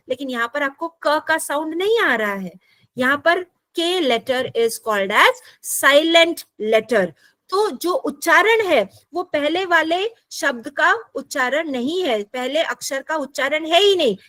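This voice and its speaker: A woman's voice: high voice, a bit bright, no echo. A woman teaching an online English class, patiently explaining step by step and checking in with her students. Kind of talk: explaining a lesson, mixing Hindi and English. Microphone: computer mic in an online class.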